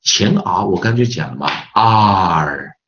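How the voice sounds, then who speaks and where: A man's voice: deep voice, animated, brisk, fairly bright tone, lo-fi sound. A man teaching English pronunciation in a recorded online lesson with a Taiwanese Mandarin accent, patiently repeating sounds over and over to demonstrate them.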